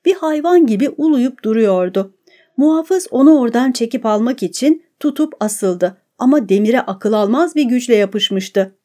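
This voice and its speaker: A woman narrating an audiobook in a measured, steady reading. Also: a little high. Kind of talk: scripted narration.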